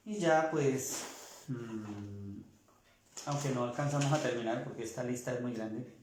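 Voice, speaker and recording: A man teaching a language lesson, patiently repeating each word and form slowly for his students. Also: mid-range voice, darkish tone, a little hiss or hum. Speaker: French teacher. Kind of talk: slow classroom lesson with repetition. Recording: echoey room, mic far off.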